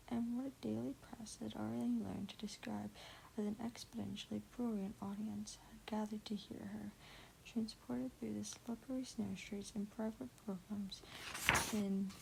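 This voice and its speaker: Gravelly whispering woman reading aloud. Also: medium pitch, a little hiss or hum, poor audio. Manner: soft whisper, stumbles and corrects herself, chatty asides. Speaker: ASMR book reader. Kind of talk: whispered ASMR book reading.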